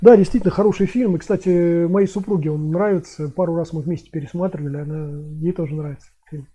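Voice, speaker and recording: A man's voice: fairly high pitch, steady tone, quick pace, mellow, breathy edge. A man in his fifties chatting casually on a livestream, rambling with many filler sounds. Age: 50s. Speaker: streamer answering chat. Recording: dull lo-fi stream audio.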